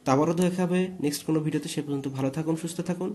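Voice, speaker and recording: Mellow-voiced man teaching a language lesson. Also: a little high, fairly even intonation, very fast, slight background noise. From Bangladesh. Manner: explains step by step, asks and answers own questions.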